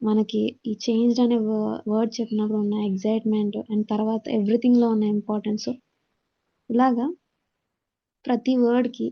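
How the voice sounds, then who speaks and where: Reading points aloud from her slides and then unpacking them, a Telugu-accented woman teaches communication skills. She has a fairly high, gravelly, dark-toned voice, and the recording is lo-fi and dull.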